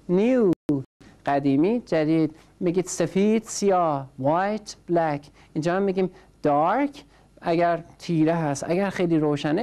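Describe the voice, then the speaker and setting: A woman with a low, mellow voice teaches a small class of learners. She speaks patiently and repeats each word several times. She calls on each learner to say it back. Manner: patient, drills words by repetition and prompts learners. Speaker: English teacher. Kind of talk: classroom language lesson.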